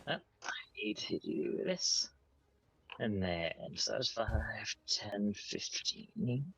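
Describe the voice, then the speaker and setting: A man's voice: lowish voice, lively intonation, drawn-out words, creaky, a bit bright, husky, no echo, low-quality recording. A man playing a tabletop role-playing game, talking casually through his moves.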